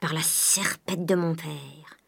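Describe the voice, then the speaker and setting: A greedy, domineering old miser, read by a woman, coaxing one moment and blustering the next. The voice sits a little low, and the story is read aloud from a book. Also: expressive, normal speed, darkish tone. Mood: angry. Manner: wheedling then blustering.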